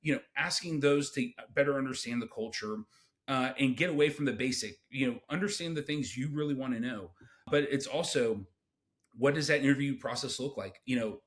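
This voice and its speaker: A man's voice: medium pitch, fairly quick. Guy recruiter in an interview, mid voice, giving straight emphatic advice, kinda instructive. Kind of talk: interview advice, explanatory talk.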